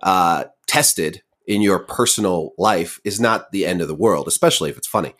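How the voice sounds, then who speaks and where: A man hosting a podcast, talking in a thoughtful, relaxed way and laughing easily. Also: deep voice, moderate pace. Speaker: podcast host. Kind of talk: casual conversation.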